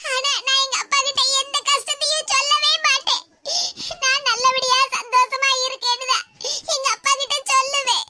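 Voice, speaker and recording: A woman voices a young, mistreated daughter-in-law in an animated cartoon, with a southern Tamil Tirunelveli-Kanyakumari accent. The voice is extremely high and bright. She speaks in a tearful, pleading way. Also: slight background noise. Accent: southern Tamil, Tirunelveli-Kanyakumari dialect.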